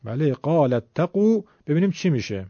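Man, teacher, fairly high voice, patient, reassuring, step-by-step explanation, dry lo-fi recording. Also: very animated, warm tone, slightly rough, no echo. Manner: patient, reassuring, repeats key rules. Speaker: Quran reading teacher.

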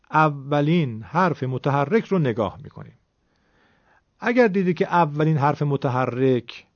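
A man teaches Quran reading, patiently and reassuringly explaining a rule step by step and repeating the key points. His voice is fairly high and a little mellow. The recording is dry, dull, and lo-fi.

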